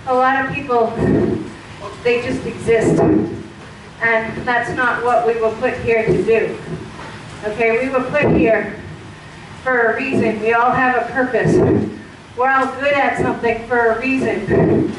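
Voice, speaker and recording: High-voiced woman coaching while cycling hard, echoey. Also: fairly even intonation, slow. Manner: exerting herself, speaking in short bursts while cycling hard. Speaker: indoor cycling instructor. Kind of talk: motivational class talk. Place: large indoor fitness studio, on a spin bike. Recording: echoey, noisy gym, far from camera.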